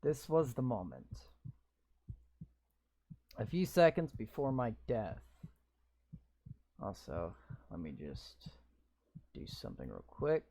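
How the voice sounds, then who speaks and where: A man plays a visual novel, reading its text aloud and interrupting with sarcastic, swearing reactions. His medium-pitched voice is very animated yet slow and mellow, with long pauses.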